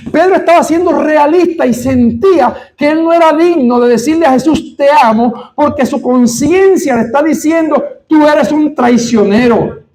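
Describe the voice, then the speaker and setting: A man with a high-pitched voice and a Puerto Rican Spanish accent delivers a fervent sermon. He speaks straight to his congregation with rhetorical questions and swells toward near-shouting at the peaks. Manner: fervent preaching, rises to near-shouting at climaxes. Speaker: pastor.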